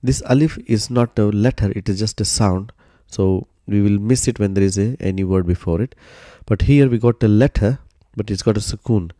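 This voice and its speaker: Patiently walking through a grammar lesson one step at a time, the man uses "so" and "uh" frequently in his low, mellow voice. He keeps a moderate pace with few pauses, and the sound is dry and close with no surrounding room.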